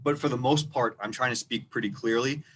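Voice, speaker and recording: A male debate coach from rural Minnesota instructs students on video, his medium-pitched voice loud and carefully paced so the words stand apart. A bit of background noise is audible.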